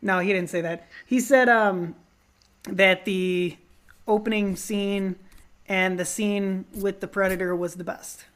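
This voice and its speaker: A woman talks movies on a podcast in a loose, casual way, full of little ums and quick teasing jabs. Her voice sits at a middle pitch and sounds relaxed and unpolished. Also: a little hiss or hum. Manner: joking, teasing, lots of ums. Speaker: podcast co-host.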